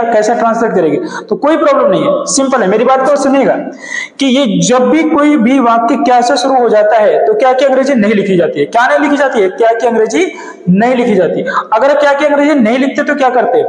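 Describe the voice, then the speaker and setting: Male English tutor, very high voice, quizzing style, recorded in an echoey room. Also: darkish tone. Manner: asks questions and answers them himself. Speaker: English teacher. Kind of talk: classroom grammar lesson. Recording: roomy echo with long reverb.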